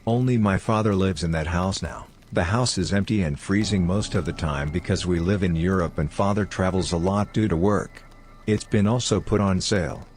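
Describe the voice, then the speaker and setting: A man giving a steady first-person narration of online horror stories. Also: low voice, a little hiss or hum.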